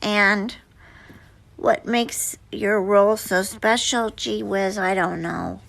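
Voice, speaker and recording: A woman in an interview answers slowly and at length, drifting through her memories with many fillers and restarts. Her voice sits at an ordinary middle pitch. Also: fairly even intonation, creaky, a bit bright. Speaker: actress guest.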